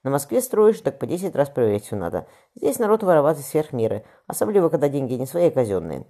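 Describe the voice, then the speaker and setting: A man voicing a stern, thoughtful older master architect who speaks gruffly and instructively. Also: mid-range voice, very animated, quick pace, dark tone.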